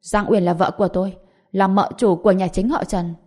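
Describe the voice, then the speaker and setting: Woman reading a domineering young heir, icy, curt, threatening, mellow voice. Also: medium pitch, normal speed, natural voice. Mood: cold.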